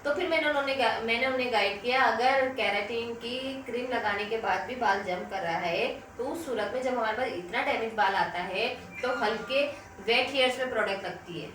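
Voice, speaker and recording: A woman's voice: on the high side, fairly quick, few pauses, fairly bright tone. A woman beauty instructor explaining a keratin treatment step by step in a salon, speaking. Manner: explains step by step, uses examples. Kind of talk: hair treatment tutorial. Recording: echoey room, mic at distance, faint noise.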